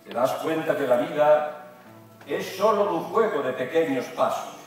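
Echoey, dramatic epic-narrator man, swooping pitch. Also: expressive. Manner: dramatic, solemn epic narrator delivery with pauses. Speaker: speaker at a political rally. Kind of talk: motivational political speech delivered as an epic dramatic narration. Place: large dark auditorium with a seated audience. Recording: echoey hall from far off, music behind. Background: music.

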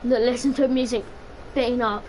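A woman's voice: on the high side, fairly even intonation, fairly quick, a little mellow, slight background noise. A woman giving casual gameplay commentary, chatty and joking, talking to herself while she plays. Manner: chatty, joking, talks to self while playing. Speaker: gamer.

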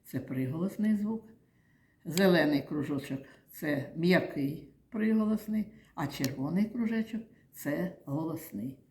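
A woman with a Ukrainian accent teaching small children in a classroom. She talks in a patient, drawn-out, sing-song way and answers her own questions. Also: low-pitched, animated, darkish tone. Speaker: kindergarten teacher. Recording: echoey room.

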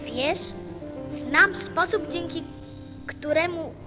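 A woman's voice: extremely high pitch, slow, music in the background. A woman playing an earnest, inquisitive little boy in a radio play, with a childlike manner. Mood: gentle, thoughtful. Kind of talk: Polish radio play acting.

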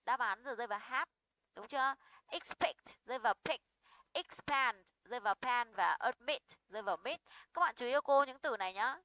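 A woman's voice: a little high, moderate pace, sharp tone, a little hiss or hum, low-quality recording. A young woman teaching an English pronunciation lesson. She is patient and often checks in with her students.

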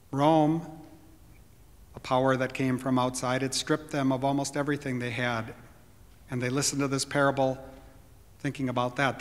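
Older male pastor preaching in a reverberant church. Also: a little high. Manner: earnest, reflective preaching with occasional soft laughs. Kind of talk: sermon. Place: church sanctuary, at a wooden pulpit. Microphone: pulpit microphone.

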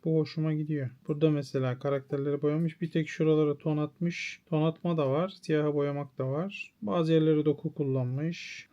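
A man's voice: on the high side, warm tone, lo-fi sound. A man, a manga artist, thinks aloud while browsing pages, musing in short, clipped verdicts.

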